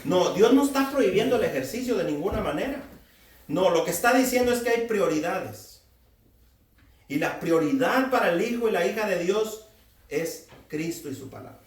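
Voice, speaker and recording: A man's voice: high-pitched, animated, moderate pace, roomy sound, recorded from a distance. A man in his forties preaching a sermon, exhorting and addressing the congregation directly. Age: 40s.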